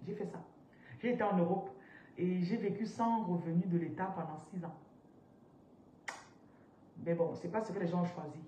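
A woman in her thirties, a spiritual business coach, teaching on a live stream in an animated, interactive way and reading out viewers' comments from a chair indoors. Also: on the low side, normal speed, pauses often, dull audio. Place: indoors, seated on a large ornate chair. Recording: roomy echo, somewhat distant from mic, faint noise.

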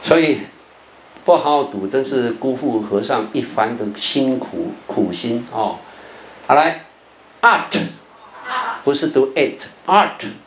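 An older man, a Buddhist monk, giving a televised lecture on English pronunciation. He explains patiently, ends many phrases with a drawn-out "哦" and stretches out the sounds he demonstrates. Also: mid-range voice, lively intonation. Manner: patient explaining, sentence-final "哦" particles, drawn-out demo sounds. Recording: roomy echo, faint background noise.

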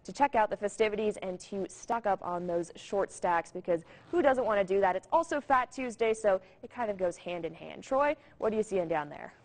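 A woman's voice: medium pitch, expressive, a little fast, few pauses, a little hiss or hum. A woman anchoring the news, handing off to a reporter in a chatty, light way.

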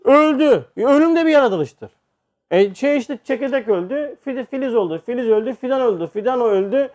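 A man giving an informal religious lecture, talking to listeners like a brother and moving between quiet asides and emphatic points. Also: very high voice, animated, normal speed. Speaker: religious teacher.

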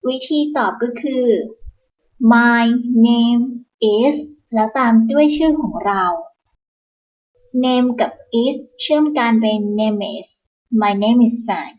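A woman teaching beginners in a patient, instructional manner, repeating each phrase slowly. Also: on the high side, muffled recording. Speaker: English teacher. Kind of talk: slow instructional explanation.

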